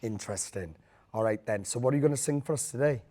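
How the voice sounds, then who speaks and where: A man's voice: medium pitch, quick pace, mellow. Encouraging male talent show judge. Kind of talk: spoken audition feedback and questions.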